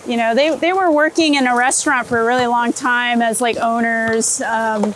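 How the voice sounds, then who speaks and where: Being interviewed mid-shoot, a street-portrait photographer keeps things casual, relaxed, and giggly, speaking unscripted outdoors under a bridge on a city street. Her fairly bright, high-leaning voice holds a steady tone at a moderate pace, with city and traffic noise behind her.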